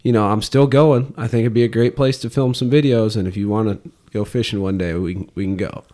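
A man's voice: lowish voice, fairly even intonation, brisk, mellow. A man guest on a podcast, telling rambling anecdotes in casual chat and chuckling easily. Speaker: podcast guest, fishing guide.

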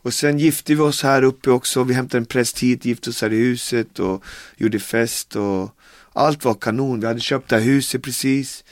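The recording is dry and studio quality: a medium-pitched man from the Caribbean, around forty, animatedly relating his story in an interview at home with his dogs. He performs quotes and leans on many fillers in this casual storytelling.

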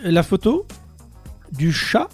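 A man's voice: high-pitched, wildly swooping pitch, slow pace, a little mellow, husky, faint music behind. A young man co-hosting a casual chat show, joking and announcing in a radio style. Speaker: co-host.

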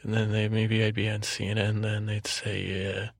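A man hosting a podcast in a rambling comic monologue, halting, stammering and interrupting himself. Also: fairly low pitch, monotone, dry recording. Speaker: podcast host.

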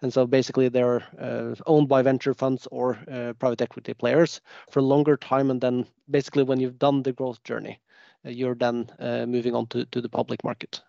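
Male executive panelist, mellow and gravelly, hesitant phrasing, dull lo-fi audio. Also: medium pitch, little pitch movement, fairly quick, dry recording. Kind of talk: unscripted panel discussion. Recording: dull, dry lo-fi sound.

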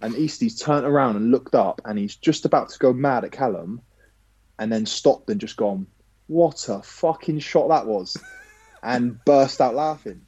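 A man with a dark, slightly husky voice spins a lively anecdote as a podcast guest. He talks casually and swears now and then. The sound is dry and a bit dull and lo-fi. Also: mid-range voice, moderate pace, no room sound. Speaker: guest, professional footballer.

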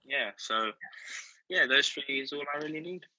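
Bright, forceful South London man. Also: medium pitch, normal speed, dry recording, muffled recording. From South London, England. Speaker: podcast guest. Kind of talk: casual interview chat.

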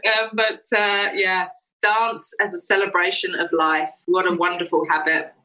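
A woman's voice: on the low side, level tone, a little slow, sharp tone, poor audio. A woman, a guest in a casual podcast chat, talking enthusiastically and laughing often.

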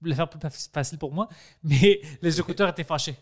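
Higher-voiced man with an English accent. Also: a little fast. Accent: English-speaking accent in French. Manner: easygoing, teasing. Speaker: podcast host. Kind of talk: casual podcast chat.

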